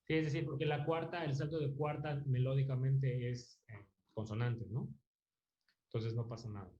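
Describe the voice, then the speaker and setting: A man's voice: medium pitch, steady tone, moderate pace, mellow. A man teaching a music theory class online, explaining patiently and checking in with frequent tag questions while thinking aloud with fillers. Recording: dull, roomy lo-fi sound.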